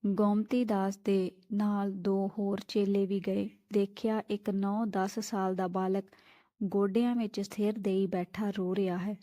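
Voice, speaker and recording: Woman telling a story, calm n measured, mellow dark voice, flat tone. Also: mid-range voice, dry recording, clean studio sound. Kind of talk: scripted narration.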